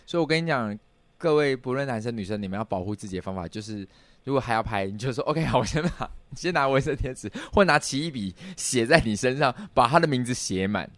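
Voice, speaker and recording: A man, co-hosting a podcast in casual chat and joking around with quick banter. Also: mid-range voice, animated, no room sound. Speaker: podcast co-host.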